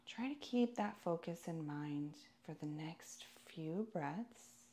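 A woman with a deep voice leads a yoga meditation, her delivery calm, deliberate, and soothing, with pauses between phrases.

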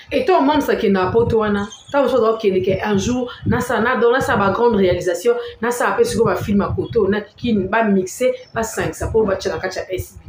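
Woman, emphatic vlog commentator with repeated phrases; echoey room, faint hiss. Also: medium pitch. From Congo-Kinshasa. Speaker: online celebrity-gossip commentator. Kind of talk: animated commentary vlog, mixing languages.

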